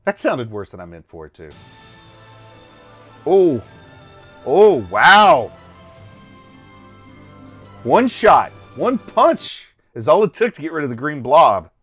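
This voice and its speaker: A man's voice: fairly high pitch, big pitch swings, takes it slowly, long pauses, husky, faint music behind. A middle-aged man giving casual, jokey running reaction commentary as host, chuckling and exclaiming as he goes.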